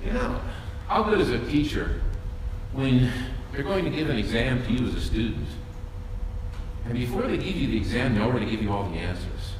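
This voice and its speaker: A middle-aged man preaching a lively sermon as pastor, recorded from a far camera in a small church sanctuary. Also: mid-range voice, fairly quick, heavy reverb, a little hiss or hum. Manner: animated preacher, shouts when voicing David.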